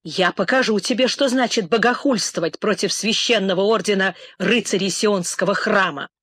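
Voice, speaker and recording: A woman reading the lines of a fierce, proud Templar knight who speaks slowly and menacingly through gritted teeth in an audiobook. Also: medium pitch, a bit bright, no room sound, close to an everyday voice.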